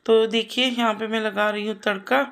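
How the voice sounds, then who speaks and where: Slightly high-pitched with vocal fry, this woman talks fairly quickly in a flat way. She's a vlogger and mother in her thirties, chatting homily over footage of her chores and saying things again and again.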